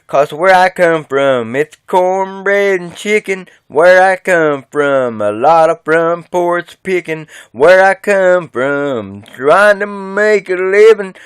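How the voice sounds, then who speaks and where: A man with a high-leaning, clean voice and no echo sings a country cover at home. An amateur singer from West Virginia with an Appalachian accent, he chats in a folksy way between verses.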